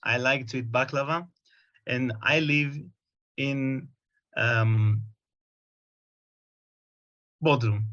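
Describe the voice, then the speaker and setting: A man taking part in an online workshop, answering in a measured, slightly hesitant way. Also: mid-range voice, bright, forceful tone, dull audio. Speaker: workshop participant. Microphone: video call.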